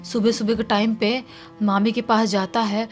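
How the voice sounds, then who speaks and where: A woman telling a horror story dramatically, dropping to a hush at tense moments. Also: on the high side, flat delivery, moderate pace, soft background music.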